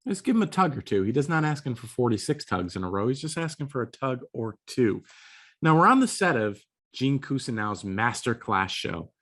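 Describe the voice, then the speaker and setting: A man's voice: mid-range voice, big pitch swings, moderate pace, fairly bright tone. A man co-hosting a review podcast in a laid-back, slangy way, often repeating words. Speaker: podcast co-host. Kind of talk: casual review chat.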